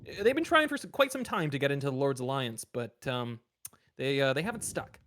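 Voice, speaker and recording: A man's voice: medium pitch, sing-song, fairly quick, fairly bright tone. A man game master narrating a tabletop game, rambling with many fillers.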